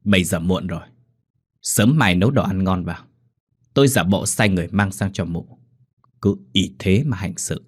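A man's voice: low voice, normal speed, pauses often, breathy edge. A man voicing a greedy, cruel middle-aged son who hisses and snarls, in a ghost story. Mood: angry. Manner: snarling, hissing.

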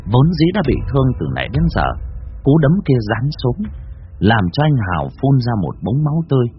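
A man narrating a horror story in a lively, dramatic way, with a husky voice. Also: mid-range voice, a little fast, faint music behind. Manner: lively expressive telling. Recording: dull dry sound.

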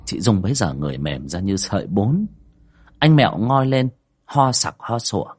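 A man's voice: normal speed, a little hiss or hum. A man narrating a spoken ghost story in a dramatic way. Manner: dramatic, lively pitch.

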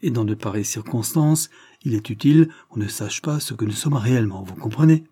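A man reading the part of a shrewd, authoritative police chief in an audiobook, measured and explanatory. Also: medium pitch, expressive, dark tone, slightly rough, dry recording, studio quality. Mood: firm.

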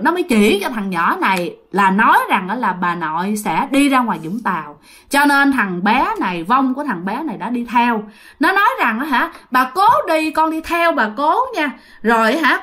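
In a high-leaning, slightly bright voice, a woman recounts a ghost story conversationally. She talks directly to her audience in a relaxed, chatty manner.

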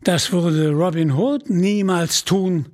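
A man's voice: high-pitched, slow, darkish tone. A man voicing a polite, earnest young male hero in an audio drama reading.

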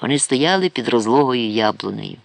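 A man narrating a comic novel as an audiobook, with lively, expressive storytelling. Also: medium pitch, moderate pace, vocal fry, dry recording.

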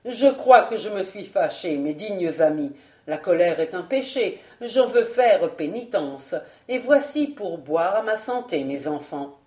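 A woman voicing a scheming, hot-tempered male nobleman in an audiobook, blustering and then falsely smooth. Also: on the low side, lively intonation, a little slow, a little mellow, echoey room.

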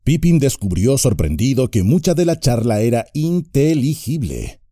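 A man narrating an audiobook with an expressive, dramatic reading. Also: medium pitch, moderate pace, no echo, studio quality.

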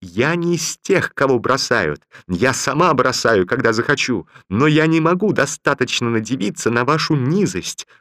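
A man voicing a spiteful, jilted officer's wife who scolds in a shrill, snappy way. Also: lively intonation, moderate pace, fairly bright tone, no room sound, clean studio sound. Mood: indignant.

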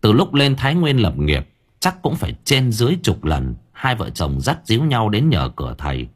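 A man narrating a story in a colloquial, wry and lively way. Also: fairly low pitch, normal speed, husky. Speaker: audiobook narrator.

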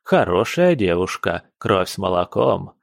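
A man's voice: low-pitched, big pitch swings, a little slow, gravelly, no echo, clean studio sound, full character voice. A man voicing a stern, commanding aristocratic father at the head of his family.

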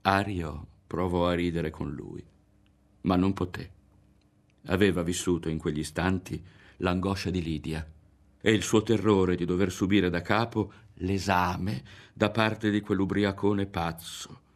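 A man with a low voice and an Italian accent reads a novel aloud in a studio. His delivery is theatrical and dramatic, rising in tension for violent scenes and dropping to a hush for reflection. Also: fairly even intonation, measured pace. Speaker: audiobook reader. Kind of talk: expressive literary reading.

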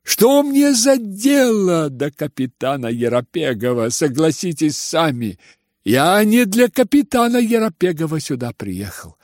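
A man's voice: on the high side, sing-song, unhurried, darkish tone, no room sound, studio quality, voice pushed up. A man doing a mocking, sickly young man. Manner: mocking, needling tone.

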